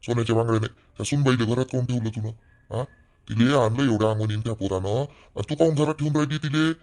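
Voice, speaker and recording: A man voicing an older village father-in-law, who scolds loudly and then soothes. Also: mid-range voice, fast talker, natural voice. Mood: scolding.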